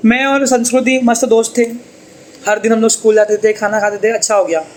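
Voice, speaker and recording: A man's voice: high-pitched, steady tone, a little fast, slight background noise, low-quality recording. A man teaching a tuition class, chatty and teasing as he explains. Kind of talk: classroom lecture.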